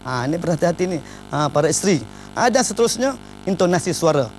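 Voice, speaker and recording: A fast-talking man gives marriage advice in an informal talk. His voice sits a little high, and he presses his points emphatically, often starting his lines with "ha". A faint hum runs under the recording. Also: expressive. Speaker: speaker giving marriage advice.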